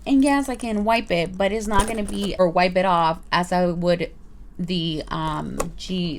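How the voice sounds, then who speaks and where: A woman's voice: mid-range voice, slight background noise. A woman in her thirties reviewing her purchases in a casual, chatty vlog, rambling with playful asides. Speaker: vlogger.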